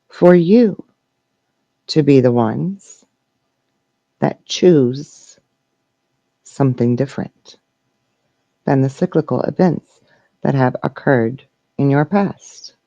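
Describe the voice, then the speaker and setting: A man speaking as a seance medium in trance, voicing a benevolent collective spirit guide with formal, halting phrasing. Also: mid-range voice, creaky, dark tone, no echo, muffled recording. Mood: solemn. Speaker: trance channeler answering questions. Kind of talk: trance channeling question and answer session.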